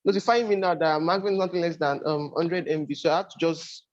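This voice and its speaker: A man, halting and apologetic, speaking on a video call. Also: fairly high pitch. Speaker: mentee. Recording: dull lo-fi call audio.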